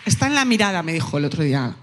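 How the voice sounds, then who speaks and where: A woman hosting a live comedy podcast on stage, talking in a lively, mocking way. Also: sits low, racing, background noise. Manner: lively, mocking, mimics others in quotes. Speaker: podcast host. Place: live stage before an audience. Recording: long hall reverb.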